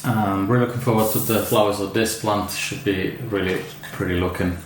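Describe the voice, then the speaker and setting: A man's voice: fairly low pitch, fairly even intonation, moderate pace. A man with an Italian accent, an orchid grower chatting casually through an unboxing, hesitant with many fillers and restarts. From Italy. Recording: echoey room with faint ambient noise.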